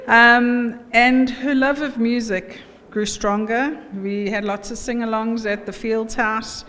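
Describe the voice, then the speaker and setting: A middle-aged South African woman gives an informal wedding toast as mother of the bride, chatty, jokey and halting. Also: on the high side, fairly even intonation, fairly bright tone. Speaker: mother of the bride giving a speech. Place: wedding reception room. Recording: echoey hall, background noise.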